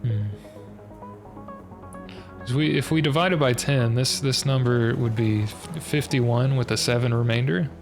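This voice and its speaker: With music playing, a young man streams a puzzle game and reasons aloud a little slowly, leaving long pauses. His medium-pitched voice is slightly nasal from a stuffy nose, and he mutters hesitantly through each logical step.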